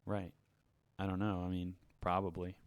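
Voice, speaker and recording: A man's voice: low-pitched, completely flat delivery, normal speed, no room sound. A man co-hosting a podcast, trading jokes and playful banter on a studio microphone. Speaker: podcast co-host. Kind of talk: casual chat.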